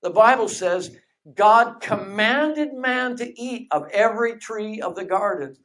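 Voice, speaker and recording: A preacher delivering a sermon who repeats refrains and asks rhetorical questions, slows down to stretch key phrases, and drops into conversational asides. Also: mid-range voice, lively intonation, fairly bright tone.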